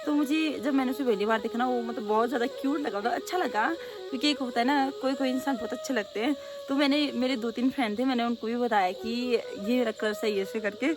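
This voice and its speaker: A young woman vlogger from the hill region, answering viewer questions in quick, loud, casual chat. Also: a little high. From Pahadi hill region of North India. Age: young adult. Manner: talks very fast and rather loudly.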